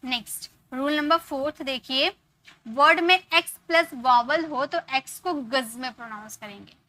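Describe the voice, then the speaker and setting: Bright, high-voiced woman teaching English. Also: moderate pace, dry recording. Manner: explains step by step, repeats example words, checks in with "ok". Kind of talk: online grammar lesson.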